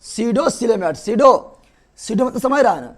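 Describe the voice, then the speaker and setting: High-voiced man drilling a biology class. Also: expressive. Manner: drills students with repeated quick questions. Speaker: teacher.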